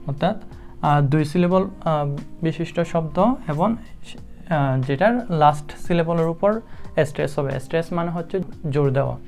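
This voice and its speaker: A woman teaching English spelling rules, slow and methodical, spelling words out letter by letter with frequent hesitations. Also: low-pitched, creaky, darkish tone, soft background music. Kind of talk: spelling lesson explained in Bengali.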